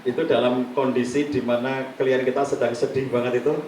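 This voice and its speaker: A middle-aged man leads a counseling workshop at an even, middling pitch. He talks in a lively way and slips into quoted voices to act out his examples. The voice comes from some way off the mic in an echoey room with a faint room hum behind it. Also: a little fast, recorded from a distance. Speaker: counseling trainer. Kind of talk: live workshop talk. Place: meeting room with a live audience.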